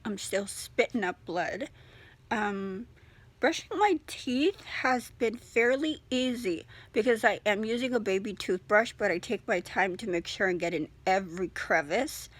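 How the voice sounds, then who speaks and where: A woman's voice: mid-range voice, a little slow. A young woman chatting casually in a video diary, her speech slightly impeded by a sore jaw that barely opens. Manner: talks with a sore jaw, mouth held fairly closed. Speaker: vlogger giving a surgery recovery update.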